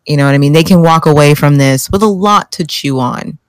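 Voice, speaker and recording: A woman co-hosting a casual chat show, animated and quick to laugh as she argues her view. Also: sits low, no room sound. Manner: animated, laughs often, mimics reactions. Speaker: podcast co-host.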